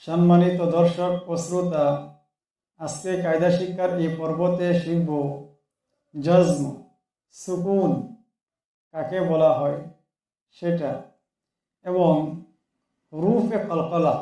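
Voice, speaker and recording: A man teaching Quran reading, calmly explaining the letters and repeating each syllable slowly for practice. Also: a little high, very echoey, recorded from a distance. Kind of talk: slow step-by-step lesson.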